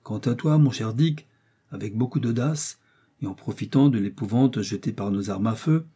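A man reading the part of a resolute learned explorer doctor who speaks in a calm, reasoned, commanding way. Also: mid-range voice, moderate pace, slightly rough, close to an everyday voice.

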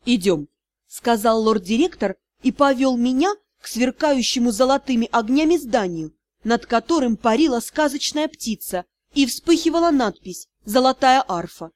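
A woman reads a first-person novel aloud in a steady, expressive voice. Her pitch sits a little high, and the sound is dry and close to the mic. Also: normal speed, no room sound. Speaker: audiobook narrator. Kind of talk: first-person scripted narration.

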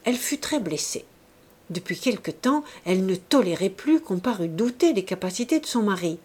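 A woman reads a classic novel aloud in a measured, expressive narration. Her voice is mid-pitched, and she gives each sentence a clear shape. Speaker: audiobook narrator. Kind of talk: literary audiobook narration.

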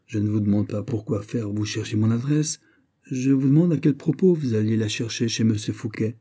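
A calm, cunning bishop, voiced by a male narrator questions his host in a measured, insistent tone. The voice is low, dark and husky. This is a classic novel read aloud. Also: natural voice. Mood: smooth. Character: calm, shrewd male bishop, smoothly probing.

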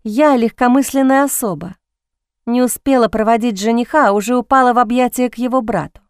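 A woman's voice: fairly high pitch, a little fast, clear, resonant tone, no echo, studio quality, lightly acted. Woman reading as a torn, pleading young heroine. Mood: self-reproach. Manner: breathless, pleading, self-reproaching.

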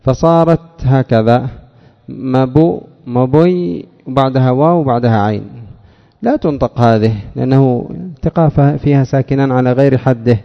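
Male teacher, gravelly tone, drills students with repeated questions; muffled recording in a reverberant hall. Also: medium pitch. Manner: asks questions and answers them himself, repeats key words; addresses a student by name. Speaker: teacher of Arabic morphology. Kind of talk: classroom lesson explaining a text.

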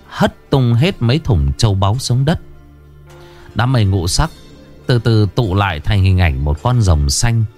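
A man narrating a historical folk tale in a steady, expressive storytelling voice. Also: lowish voice.

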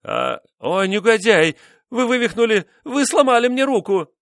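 A man's voice: normal speed, dry recording, studio quality, lightly acted. A man voicing a frightened noblewoman who pleads with her cruel husband in an audiobook. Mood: terrified. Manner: high, pleading, tearful. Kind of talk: audiobook character reading.

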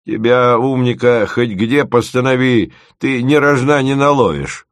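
A man voicing a crafty, boastful old village fisherman who drawls in a slow, folksy way. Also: on the low side, sing-song, gravelly, no echo, studio quality, full character voice. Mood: mocking, gruff.

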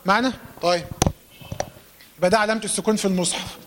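A man with an Egyptian Arabic accent teaching Quran recitation to a class, quizzing them with questions and demonstrating words slowly. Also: high-pitched, steady tone, noisy background. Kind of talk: lesson to a class.

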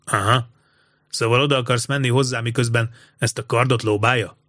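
A man's voice: mid-range voice, steady tone, a bit bright, no echo, clean studio sound, close to an everyday voice. A man doing a wary, grumbling older boy.

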